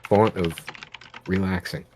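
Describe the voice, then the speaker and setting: A man's voice: low voice, steady tone, takes it slowly, dark tone, a little hiss or hum. A man playing at a tabletop game, chatting casually and joking. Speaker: player.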